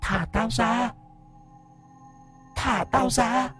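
A man voicing a possessed young village wife who is cruel and menacing, with a shrill, hissing voice. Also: wildly swooping pitch, drawn-out words, a little mellow, husky, faint music behind, heavily acted. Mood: snarling.

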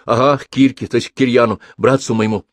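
A man's voice: mid-range voice, steady tone, quick pace, no echo, pitched above the performer's own voice, natural voice. A man voicing an eager, polite village boy who speaks earnestly in a lifted voice.

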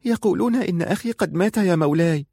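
A man putting on a soft, high young boy. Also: fast, vocal fry, dry recording, studio quality. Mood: grieving. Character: young boy, grieving and bewildered son.

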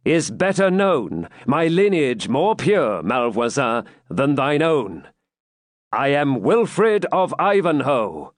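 A man's voice: fairly high pitch, sing-song, slow, no room sound, clean studio sound. A man reading aloud and voicing a proud young knight who declaims his challenge in a raised voice.

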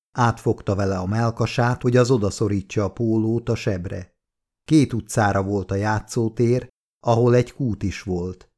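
A man reading an audiobook in a steady, measured scripted narration. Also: on the low side.

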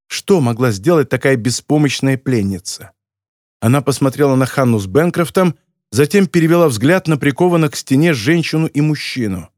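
A man reading a novel aloud as an audiobook narrator, with expressive delivery. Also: mid-range voice, normal speed, no echo, studio quality. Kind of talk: scripted narration.

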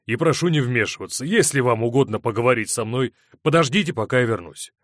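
A man reading an audiobook voices a curt, impatient middle-aged businessman with clipped, sharp replies. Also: medium pitch, lively intonation, fast, no echo, studio quality, natural voice.

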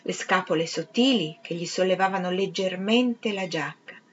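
A woman reading a literary novel aloud in a measured, expressive way, sometimes sinking to a whisper. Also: on the low side, a little hiss or hum. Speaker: reader. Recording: slightly dull, lo-fi recording.

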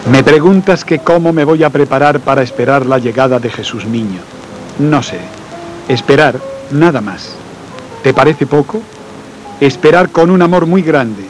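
A man reading devotional letters aloud in a slow, earnest and intimate way, letting phrases trail off quietly. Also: a little high, poor audio. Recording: faint music and rain behind.

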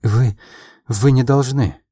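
A man voicing a proud, quick-tempered young woman in an audiobook, her lines pitched a little above his own and delivered in quick, emotional replies. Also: mellow, breathy edge, dry recording, studio quality. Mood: flustered.

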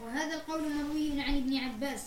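A woman student reading a text aloud to her teacher, careful and steady. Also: high voice, fast talker. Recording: echoey room with faint ambient noise.

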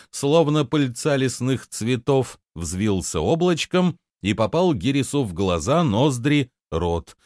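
A man narrating an adventure audiobook in an expressive, dramatic way. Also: lowish voice, dry recording, clean studio sound.

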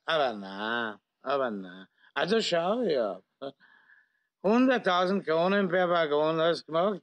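Slurring, boastful drunken Austrian officer. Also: male voice, a little high, fairly bright tone, exaggerated voice. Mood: drunken babbling. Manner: slurred, rambling town-drunk babble, repeating and breaking off words. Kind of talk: satirical dramatic reading.

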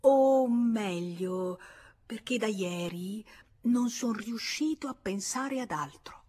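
A woman's voice: mid-range voice, lively intonation, a little slow, breathy edge. A woman reading an audiobook, voicing an ardent young man who pleads passionately and insistently. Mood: pleading.

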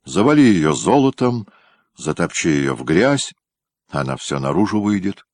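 A man voicing rough, common palace guards in a read-aloud historical story, with folksy peasant talk in a raised voice. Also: low voice, sing-song, moderate pace, darkish tone, no room sound. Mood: grumbling. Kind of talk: audiobook reading.

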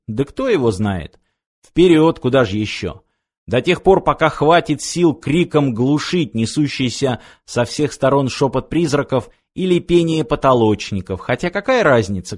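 A man narrating an action novel aloud, steady and measured in his reading. His voice sits at a middle pitch for a man, even and unhurried. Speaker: audiobook narrator. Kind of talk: scripted narration.

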